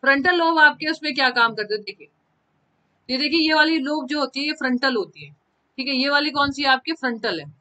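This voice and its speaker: A high-pitched woman teaches a live online class. Her voice is bright and crisp, and she repeats key terms and calls on students by name from the chat. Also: expressive, a little fast, poor audio. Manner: mixes Hindi and English terms, repeats key phrases.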